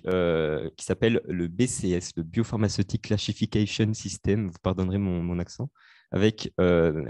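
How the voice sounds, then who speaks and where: Young male student tutor, lowish voice, dry close computer mic, halting delivery full of fillers, live online revision. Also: a little mellow, no echo. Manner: hesitant, many fillers, explains step by step.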